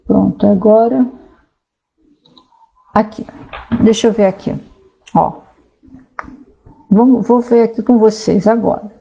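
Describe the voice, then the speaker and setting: A woman's voice: medium pitch, steady tone, takes it slowly, gravelly, long pauses, mellow, highs cut off. Chatty woman explaining politics. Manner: conversational, frequent tag questions, reads aloud from a site. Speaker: sociologist commentator. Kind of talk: casual explanatory talk to viewers.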